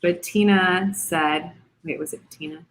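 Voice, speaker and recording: A woman's voice: fairly low pitch, fairly even intonation, measured pace, fairly bright tone, poor audio. A woman chatting in a teasing way during an online group game and reading out viewer comments. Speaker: guest in a live stream game. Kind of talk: casual chat.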